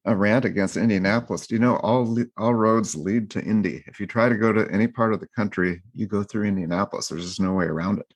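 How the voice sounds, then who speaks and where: A man's voice: on the low side, fast, few pauses. A middle-aged man co-hosting a casual podcast, teasing playfully with frequent repeats and ums. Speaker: podcast co-host.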